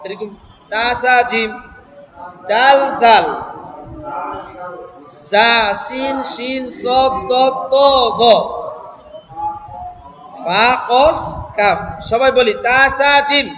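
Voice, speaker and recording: A man with a very high voice leads a Quran reading lesson in a Bangladeshi Bengali accent. He drills syllables at an unhurried, deliberate pace, repeating each one and quizzing his students. Steady noise runs behind him. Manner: drills syllables aloud, repeating and asking the class.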